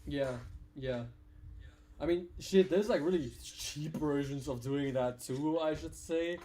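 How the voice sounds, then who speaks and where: A man's voice: on the high side, takes it slowly, dark tone. A young man hosting a casual chat, who stumbles, repeats words and breaks into laughter easily. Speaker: podcast host.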